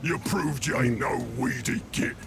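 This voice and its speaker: Gravelly boastful orc warboss. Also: male voice, medium pitch, measured pace. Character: brutish boastful male orc warboss, gruff. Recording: game audio with music behind.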